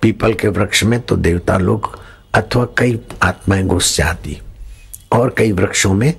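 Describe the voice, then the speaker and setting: Preacher, male, husky and slow, mid-high voice, unhurried storytelling. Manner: slow, drawn-out storytelling broken by laughter. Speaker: spiritual preacher. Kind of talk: storytelling sermon.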